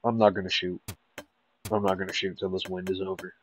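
A man's voice: low-pitched, little pitch movement, a little fast, a little hiss or hum, low-quality recording. A young man chatting casually and crudely while recording a gaming video over voice chat. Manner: crude, joking banter. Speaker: gaming YouTuber.

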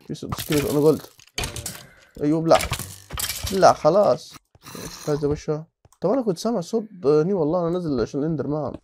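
A young man with an Egyptian Arabic accent, giving casual, excitable commentary while playing Minecraft, muttering to himself and now and then breaking into alarmed shouts. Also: fairly high pitch, a little hiss or hum. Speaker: gaming channel host.

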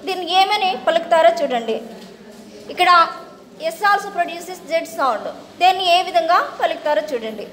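A woman teaches English pronunciation in a very high voice. She spells each word out slowly, letter by letter, then says it again and asks the class how to pronounce it. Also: expressive, a little hiss or hum. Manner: spells words out slowly, then repeats the sound; asks students to read aloud. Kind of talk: classroom phonics lesson.

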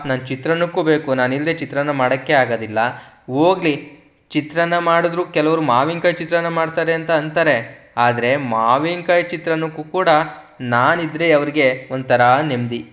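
A man's voice: on the high side, normal speed, fairly bright tone, natural voice. A man voicing a boastful lemon that brags and calls the others fools, on a dull lo-fi recording. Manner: bragging, scolding others as fools. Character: boastful lemon, proud and showing off.

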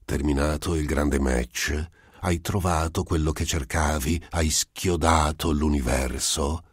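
A man's voice: very deep voice, steady tone, slow pace, breathy edge, no echo, clean studio sound, full character voice. A man reading an audiobook, voicing a mocking devil disguised as a man who taunts an old scientist. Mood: taunting. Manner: taunting, sardonic.

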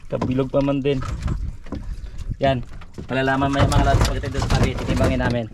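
A Filipino man from Palawan, filming his catch on a fishing boat and chatting excitedly in a casual vlog, laughing often. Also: medium pitch, quick pace. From Philippines. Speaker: fisherman vlogger filming the catch. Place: outdoors on a small fishing boat at sea. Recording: outdoor boat recording with clear background noise.

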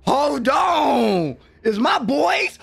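Speaking very slowly, this anime reaction host has an extremely high, slightly bright voice with big pitch swings and vocal fry. The young adult man's commentary is casual, slangy and full of exclamations, recorded on a desk microphone right in front of him in a small bedroom setup.

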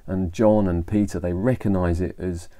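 Man, English accent, deep voice, very mellow, informal devotional, conversational retelling. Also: fairly even intonation, moderate pace, no room sound. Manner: conversational, retelling Bible stories with fillers and restarts. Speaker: church leader.

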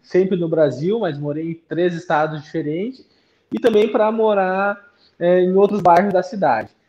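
A man's voice: sits high, steady tone, measured pace, mellow. A man in his thirties with a Gaúcho Brazilian accent, chatting informally as a business owner on a video call and often correcting himself. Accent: Gaúcho Brazilian Portuguese. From Porto Alegre, Brazil. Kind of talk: casual conversation. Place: indoors, home or shop with brick wall. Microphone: video call webcam. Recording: muffled video call audio.

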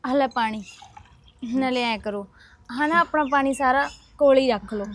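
A woman's voice: high-pitched, normal speed, natural voice. A woman playing a kind young neighbour who comforts an old woman in a reassuring tone. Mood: soothing. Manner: soothing, reassuring.

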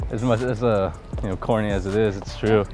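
Over music, a young man on a college baseball team gives a casual walking interview outdoors on campus. His voice sits on the low side, moving at a moderate pace. He stays relaxed and laid-back, using many fillers.

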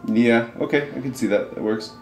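A man's voice: mid-range voice, fairly quick. A man giving casual gameplay commentary, swearing and laughing easily. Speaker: let's play co-host. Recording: echoey room, faint game music.

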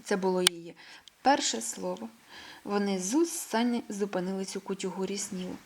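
A woman reading a children's story aloud in a gentle, expressive way. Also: medium pitch, normal speed, background noise.

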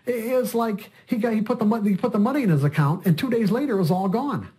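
Older man, trading coach, slightly high voice, rambling interview story, repeats his words. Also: fast talker, dark tone.

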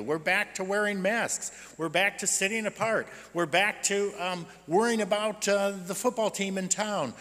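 Speaking in a slightly high voice, a sixty-something American pastor gives an animated, explanatory sermon in a conversational style, full of rhetorical questions. He stands indoors at the pulpit with a gooseneck mic, and the sanctuary adds heavy reverb.

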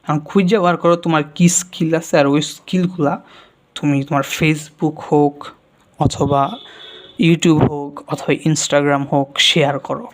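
Earnest young man, soft-spoken vlog advice. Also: a little high, little pitch movement, moderate pace. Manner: earnest, talks straight to viewers; speaks quietly at night. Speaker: YouTuber.

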